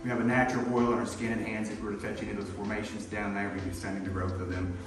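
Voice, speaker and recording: A man briefs a tour group in a folksy, instructional way. He talks quickly in a lowish voice. The recording is very echoey, with clear music over it. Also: level tone. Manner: folksy, instructional, often checking with "okay?". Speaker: tour guide. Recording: very echoey, distant voice under music.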